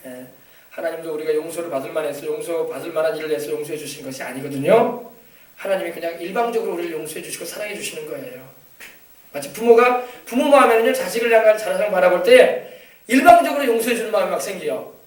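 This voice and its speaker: A male pastor delivers a sermon, coaxing his congregation for responses and repeating key phrases for emphasis. His voice sits high for a man. The recording comes from far off the mic in an echoey church hall. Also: expressive, fast. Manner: exhorting, prompting the congregation for amens. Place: church sanctuary.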